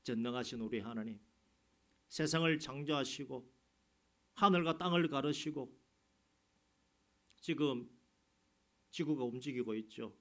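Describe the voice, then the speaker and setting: A man preaching a sermon as a church pastor, climbing to loud, emphatic peaks and then dropping low and quiet. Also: a little slow, pauses often. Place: church sanctuary.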